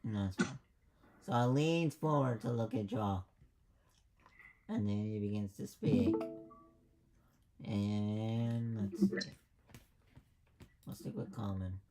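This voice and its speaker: A man's voice: lowish voice, slow, long pauses, mellow, soft background music. A man acting as game master, casually narrating and explaining a tabletop game.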